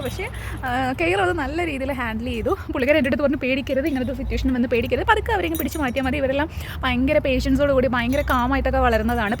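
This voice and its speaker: Chatty high-voiced woman vlogger. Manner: chatty, coaxing, often cries out "ayyo". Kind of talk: casual vlog talk to a cat. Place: outdoors in a backyard garden. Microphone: phone held while filming. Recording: noisy outdoor phone recording.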